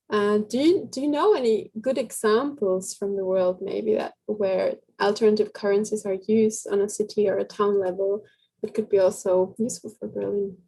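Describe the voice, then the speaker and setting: Woman from Finland, workshop participant, husky voice, gentle and musing, video call. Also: medium pitch, low-quality recording. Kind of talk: casual discussion on a video call.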